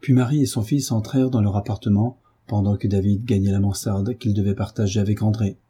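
A man narrating a classic novel as an audiobook, in a measured storytelling manner with a husky voice. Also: lowish voice, fairly even intonation, mellow. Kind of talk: scripted narration of a 19th-century novel.

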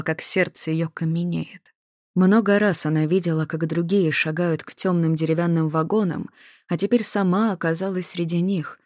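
An audiobook narrator reading scripted prose in an even, measured way. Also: mid-range voice, no echo, clean studio sound.

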